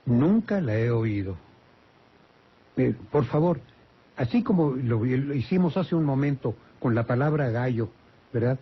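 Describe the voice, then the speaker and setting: An older man with a Mexican Spanish accent, a language expert answering listener questions on a radio call-in show, speaking slowly with many hesitations and self-corrections. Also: mid-range voice, expressive, husky. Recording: dull lo-fi radio broadcast.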